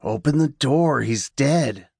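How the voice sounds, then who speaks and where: A man's voice: medium pitch, expressive, slow, gravelly, darkish tone, husky, no echo, clean studio sound, pitched above the performer's own voice, exaggerated voice. A male narrator voicing an evil, menacing spirit that whispers commands into a guard's head.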